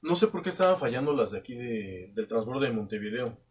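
A young man with a Mexican accent telling a long, animated anecdote in casual chat, swearing freely and acting out both sides of the dialogue. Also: medium pitch, fast, far from the mic. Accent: Mexican Spanish. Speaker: podcast co-host. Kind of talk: casual storytelling.

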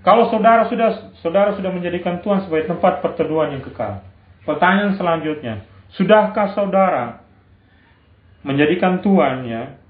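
A man preaching in a high, ringing voice, pressing his listeners with question after question and repeated amens. The sound is thin and phone-like, and the room is echoey. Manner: exhorting, rhetorical questions, frequent "amin". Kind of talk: sermon.

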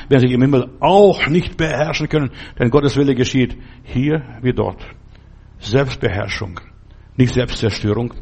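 A man's voice: mid-range voice, darkish tone, slightly rough. A man preaching a sermon, speaking emphatically and addressing the listener directly with repeated questions.

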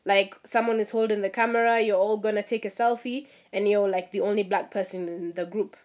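A young woman from Kenya ranting casually to her viewers, animated and laughing, swearing freely and mimicking people. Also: brisk. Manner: animated, swearing, mimics others in high voices, laughs at herself. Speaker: vlogger. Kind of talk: casual rant to camera.

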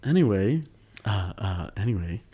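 A man's voice: on the low side, very animated, moderate pace, mellow, slightly rough. A man co-hosting a casual chat, stammering through many filler sounds and swearing freely. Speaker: podcast co-host.

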